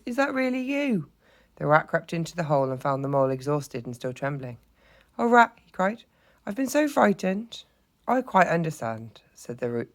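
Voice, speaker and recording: Storyteller reading a chapter book to a class, steady and expressive. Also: medium pitch.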